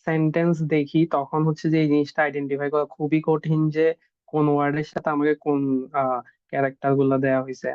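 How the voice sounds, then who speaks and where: A woman student speaks quickly on a video call, her voice low and flat. Her audio sounds dull and dry, with no room sound around it. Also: dry recording. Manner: short quick acknowledgements.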